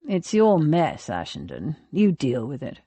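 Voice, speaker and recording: A woman's voice: deep voice, huge pitch swings, measured pace, warm tone, husky, no echo, voice pushed down, full character voice. A woman doing a bored, aloof duke. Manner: bored, indifferent drawl.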